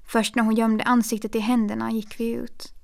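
A woman narrating a first-person story with a calm, even delivery. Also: on the high side, creaky. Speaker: audiobook narrator.

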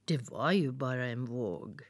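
A woman voicing a chirpy little talking nightingale from a dream world, chirping and excited as she reads a storybook aloud. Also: very deep voice, no echo, clean studio sound, voice pushed down. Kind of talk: storybook reading.

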